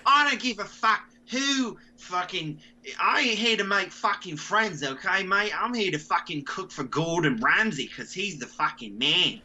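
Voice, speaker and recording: A man's voice: sits high, lively intonation, a little slow, sharp tone, highs cut off, voice pushed up, full character voice. A man putting on a put-on British accent to play a cocky, swearing male cooking-show contestant. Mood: brash. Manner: cocky, profane.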